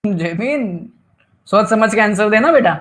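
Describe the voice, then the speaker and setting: A man's voice: high-pitched, unhurried, pushed and bright. A man teaching an online class, quizzing students and teasing them with Marathi asides. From Maharashtra. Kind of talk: live online class lecture.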